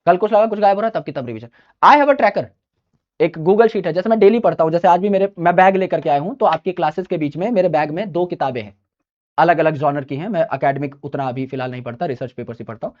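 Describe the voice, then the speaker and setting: A male teacher speaking informally, emphatic and chatty, circling back to hammer home his main points. He calls his listeners brother as he talks. The recording is muffled and lo-fi. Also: fairly high pitch. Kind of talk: informal study-advice lecture.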